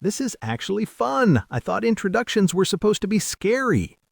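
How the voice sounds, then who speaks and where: Animated, comic American man. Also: high voice, normal speed, vocal fry, breathy edge, no echo, studio quality. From United States. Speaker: learner in a lesson dialogue. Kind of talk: scripted conversation lesson.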